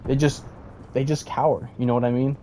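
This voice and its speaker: Rambling man with a mellow voice. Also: medium pitch, level tone, fairly quick, a little hiss or hum. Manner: rambling, frequent restarts and stammers, keeps asking "okay?". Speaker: commentary vlogger. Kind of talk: casual rambling commentary.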